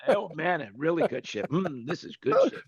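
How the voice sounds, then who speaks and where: A man's voice: a little high, very animated, moderate pace, gravelly, lo-fi sound, a crowd in the background. An older man hosting a casual online panel chat, chatty and joking, laughing often. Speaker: host. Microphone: video call.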